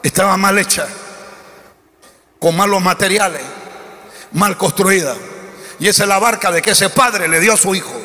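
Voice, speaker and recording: A man preaching a sermon as pastor, driving his points with repeated lists, rhetorical questions and shouted emphasis. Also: high-pitched, moderate pace, pauses often, big-room sound.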